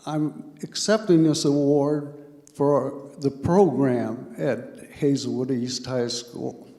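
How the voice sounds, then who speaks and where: An older man, a retired football coach telling stories slowly and reflectively in an on-stage interview. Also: medium pitch, dark tone. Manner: slow, reflective storytelling with a chuckle. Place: large banquet hall. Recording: reverberant banquet hall.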